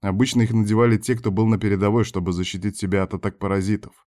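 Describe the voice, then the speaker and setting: A man narrating an audiobook with steady storytelling. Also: lowish voice, quick pace. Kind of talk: scripted narration.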